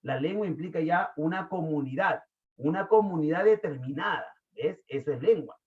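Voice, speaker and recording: A man from Lima gives an online lesson with a Lima accent, his voice sitting a touch high. He keeps the class involved with questions and plenty of fillers. The sound is thin and tinny, like it comes over a phone. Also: normal speed. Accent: Lima Peruvian Spanish. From Peru. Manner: chatty, asks the class questions, many fillers. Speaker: teacher.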